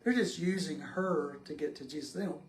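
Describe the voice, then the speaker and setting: A man leading a casual Bible study discussion, speaking slowly and haltingly with many pauses and fillers. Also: fairly high pitch. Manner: slow and halting, many ums. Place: church room. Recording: echoey room with faint noise.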